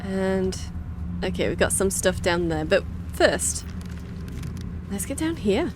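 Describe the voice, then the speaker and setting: A woman's voice: medium pitch, big pitch swings, takes it slowly, background noise. A woman hosting a let's play, chatty and reactive, commenting casually and reading game dialogue aloud. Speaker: gamer, let's play host. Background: game music.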